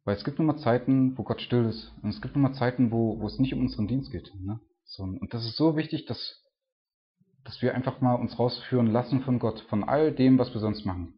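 A man preaching a relaxed, conversational sermon, tossing in little tag questions as he goes. His voice sits at an everyday middle pitch. The recording is dull and somewhat lo-fi. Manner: chatty, keeps adding "ne?"; reads scripture aloud louder and slower. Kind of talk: informal sermon. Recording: dull lo-fi sound.

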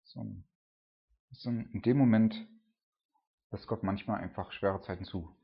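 A man giving a sermon in a loose, conversational way, often adding "ne?" and rising to loud cries when he retells dramatic scenes. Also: on the low side, measured pace, muffled recording. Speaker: preacher.

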